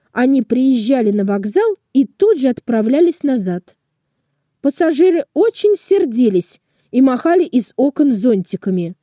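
A woman narrating a children's storybook aloud, slowly and expressively. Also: high voice, no echo, studio quality. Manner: slow, expressive, lively. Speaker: storybook reader.

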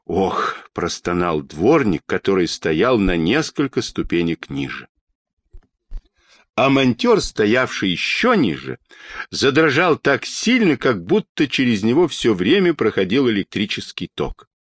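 A man reading a children's storybook aloud with expressive, lively intonation. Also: fairly low pitch, measured pace, no room sound, clean studio sound.

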